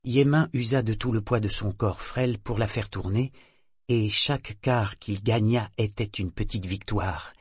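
A man reading an audiobook with steady, measured storytelling. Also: lowish voice, slightly rough, no room sound, studio quality. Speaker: audiobook narrator. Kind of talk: scripted audiobook narration.

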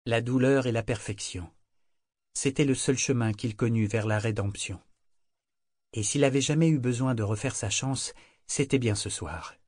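Male audiobook narrator, mid pitch, dry close read, steady delivery. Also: normal speed, no echo. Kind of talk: scripted narration.

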